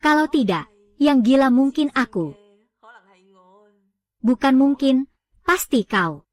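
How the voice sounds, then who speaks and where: High-voiced woman reading a film recap. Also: lively intonation, slow pace, a little mellow.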